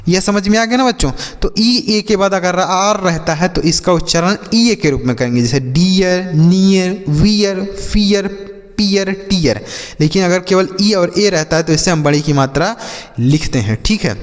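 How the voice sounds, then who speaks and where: A man's voice: high voice, moderate pace, big-room sound. A male teacher giving a classroom-style phonics lesson, calling his viewers children and drilling each rule with repeated questions and answers.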